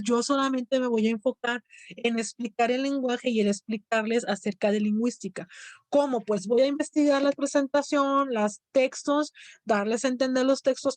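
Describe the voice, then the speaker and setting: A woman's voice: on the high side, darkish tone, no echo. A woman teacher with a Mexican accent lecturing a class, explaining step by step and often checking in with her students. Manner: explanatory, asks students questions.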